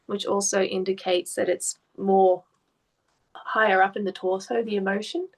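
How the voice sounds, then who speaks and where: A woman art therapist with a mid-pitched voice, talking gently through a client's artwork. She asks careful questions and explains what the marks might mean in a calm, conversational way. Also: moderate pace, poor audio.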